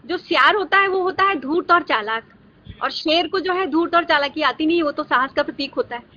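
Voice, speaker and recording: A woman's voice: sits high, fairly quick, sharp tone. A woman lecturer giving a virtual class and patiently taking students' questions. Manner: patient, calls students "beta". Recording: dull lo-fi recording with faint hiss.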